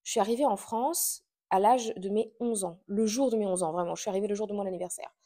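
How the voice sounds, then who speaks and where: A woman in her late twenties, born and raised in Portugal, hosts a casual podcast, talking to camera in a warm, medium-pitched voice at a fast clip. Her personal chat is confiding, full of fillers and little laughs.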